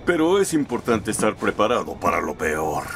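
Casting: blunt older cop, low lively gravelly voice, film drama. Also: male voice, moderate pace. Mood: measured. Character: older male police officer, measured and blunt. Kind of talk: dubbed film drama acting. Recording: film scene with noisy outdoor ambience.

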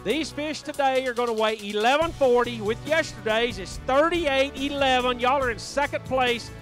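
A middle-aged man emceeing a live outdoor weigh-in on a handheld mic, loud and rallying. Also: extremely high pitch, normal speed, soft background music. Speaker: tournament director. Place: outdoor stage under a pavilion.

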